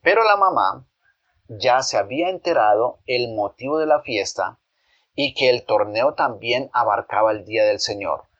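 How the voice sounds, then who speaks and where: A man's voice: medium pitch, lively intonation, normal speed, fairly bright tone. Man telling a children's Bible story. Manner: addresses the children directly with questions. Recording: dull lo-fi recording.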